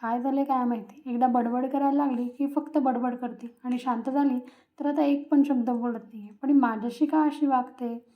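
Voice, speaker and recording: A woman's voice: high voice, steady tone, moderate pace, natural voice. A woman voicing a puzzled young husband brooding over his wife, in a musing, questioning tone. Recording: tinny phone-like sound.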